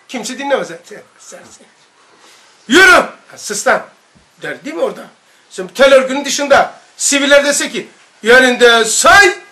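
Male study-circle teacher, very high bright voice, lively, throws rhetorical questions at the room. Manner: animated, barks mock military commands. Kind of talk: informal religious lesson.

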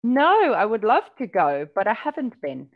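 A South African woman tutors English online, running a relaxed video-call conversation practice from an indoor room, speaking slowly, patiently and encouragingly while asking simple questions. Her fairly high voice moves a lot and comes through a headset over a muffled line.

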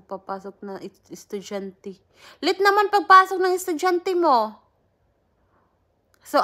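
A woman's voice: on the high side, sharp tone. A Filipina woman, chatting casually on a livestream, greeting viewers by name and laughing often. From Philippines. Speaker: livestream host.

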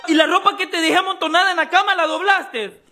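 A man's voice: extremely high pitch, steady tone, fast talker, bright, forceful tone, soft background music, heavily acted. A man voicing a scolding, melodramatic mother who nags, in a short comedy skit. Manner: nagging, melodramatic.

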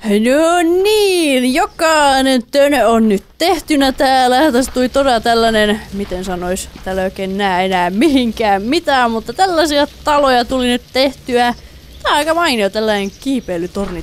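Chatty woman playing a game, fairly high voice, bit of hiss behind, jokes at the zombies. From Finland. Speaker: let's play gamer. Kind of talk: casual gameplay commentary.

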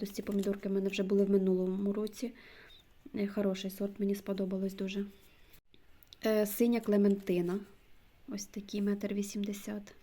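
A woman vlogger in casual show-and-tell chat, slowly reading out names and sometimes dropping to a near-whisper. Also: mid-range voice, warm tone. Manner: chatty, slow, reads out names one by one; drops to a near-whisper when reading labels. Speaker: gardening vlogger.

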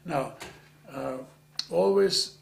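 An older man from Macedonia, a native Macedonian speaker, speaks English with a Macedonian accent in a reflective oral history interview, halting and earnest as he searches for words. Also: on the high side, gravelly. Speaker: interviewee, author of dictionaries. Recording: faint hum and background noise.

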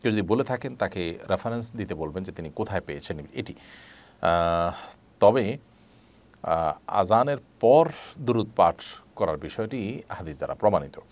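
A man with a Bangladeshi Bengali accent, an Islamic scholar reading out viewers' questions during a live session and answering them in a measured way with frequent "ah" fillers. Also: deep voice, expressive, a little mellow.

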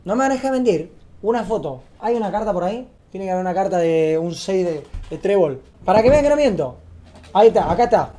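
A young man with an Argentine accent, a streamer telling a story to camera in a fast, slangy, excitable way that gets loud when he acts out scenes. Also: high voice. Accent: Argentine Spanish.

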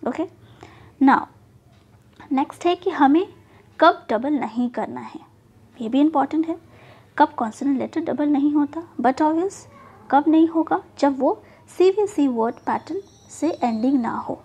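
On a muffled recording, a high-pitched, slightly mellow woman teaches English spelling rules one step at a time, mixing Hindi and English. She goes slowly and keeps checking in with repeated "okay" and "theek hai."

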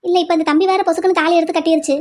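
A woman's voice: very high voice, fairly even intonation, rapid-fire, darkish tone. A woman voicing a worried middle-aged mother in a cartoon drama, fretting in a pleading tone. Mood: fretful. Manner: fretful, pleading.

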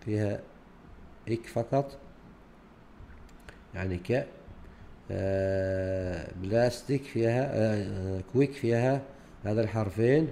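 Male teacher with a Gulf Arabic accent, dark mellow tone, hesitant explanatory delivery that mixes Arabic and English words. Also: lowish voice, creaky, slight background noise. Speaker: teacher explaining a grade-four English unit. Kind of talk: recorded lesson walkthrough.

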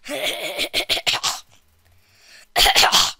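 A woman's voice: drawn-out words, pushed and bright, no echo. A woman giving casual, rambling commentary over her gameplay, often dropping to a whisper. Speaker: gaming video host.

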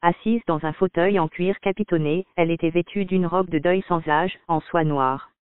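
A man calmly reading a first-person story in an audiobook, on dry, tinny phone-like audio. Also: on the high side, clean tone, dry recording. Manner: calm, measured reading. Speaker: audiobook narrator. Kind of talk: scripted first-person narration.

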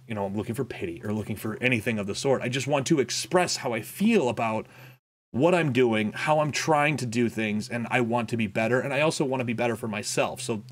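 This is a young content creator, medium in pitch with a fairly bright tone, talking openly in a personal vlog update. His delivery is reflective and halting, with many fillers and restarts, and he uses a boom-arm desk mic with headphones in a small room at home.

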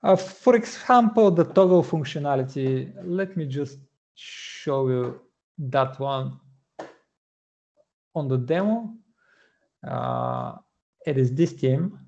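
Slow, gravelly man demoing code. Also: medium pitch, animated, a little mellow, muffled recording. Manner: methodical, explanatory, many "uh" pauses. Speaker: front-end developer presenting. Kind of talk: screen-share coding walkthrough.

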